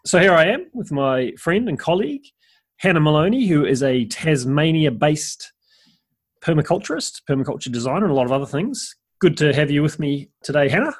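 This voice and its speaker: A man's voice: fairly high pitch, expressive, a little fast, husky. A man hosting a podcast, introducing a guest and asking friendly, rambling questions. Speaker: podcast host. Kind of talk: casual podcast interview.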